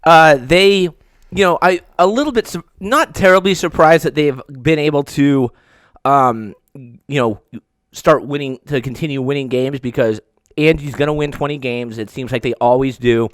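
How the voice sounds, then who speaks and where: A man's voice: fairly high pitch, no echo. Struggling man, mouth burning from spicy food. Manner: halting, stammering. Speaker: sports editor, guest. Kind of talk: casual sports talk.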